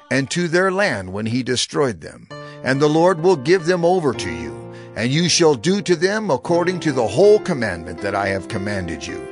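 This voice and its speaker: In a scripture drama, an elderly prophet with a medium-pitched voice addresses his people. He speaks earnestly and emphatically, his intonation lively and swinging widely. Clear background music plays underneath.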